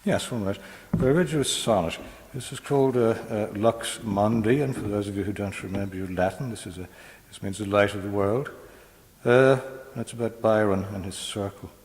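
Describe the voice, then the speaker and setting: A man giving a live poetry reading as the poet, measured in the verse, with wry, hesitant asides between poems. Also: lowish voice, darkish tone. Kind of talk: poetry reading with casual introductions. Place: hall, live reading to an audience. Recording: echoey hall with long reverb.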